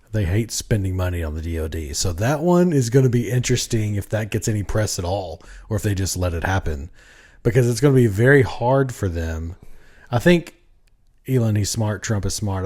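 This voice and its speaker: A man with a low, warm, mellow voice co-hosts a casual political podcast. He is opinionated and chuckles between his points. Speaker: podcast co-host.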